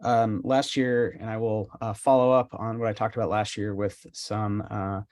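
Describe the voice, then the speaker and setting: Man, anthropologist, panelist, low-pitched, casual, hesitant, distant mic. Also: level tone, moderate pace, a little mellow. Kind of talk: panel introduction.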